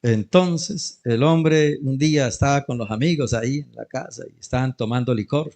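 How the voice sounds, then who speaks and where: A man's voice: mid-range voice, moderate pace, vocal fry, a little mellow. A middle-aged man with a Colombian Spanish accent, preaching a sermon in church, telling anecdotes and joking with the congregation. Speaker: pastor.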